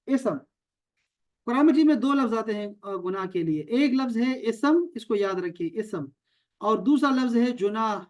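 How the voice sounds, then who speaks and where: A man teaching an online Quran vocabulary class over a video call, explaining each word slowly, repeating terms and quizzing his students. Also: high voice.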